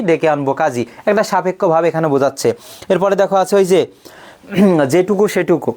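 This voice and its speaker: A young man teaching an exam-prep grammar class, drilling students by asking questions and answering them himself, and clearing his throat often. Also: sits high, darkish tone. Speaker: Bangla grammar coaching mentor.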